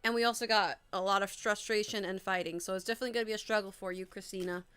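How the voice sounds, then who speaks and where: A woman around thirty rambles cheerfully through a casual live stream, her voice a bit strained from losing it. The sound is bright and clean, close and dry with no room echo, and faint music plays behind her. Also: medium pitch, fairly even intonation, very fast, clean tone. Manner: chatty, upbeat and rambling. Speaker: live streamer doing tarot readings.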